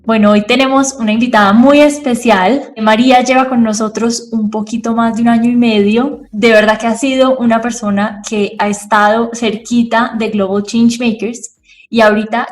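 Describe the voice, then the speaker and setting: A woman's voice: fairly high pitch, distant mic. A woman hosting an interview podcast, friendly and encouraging, often affirming with short murmurs. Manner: friendly, frequent affirming "ujú". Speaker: podcast host.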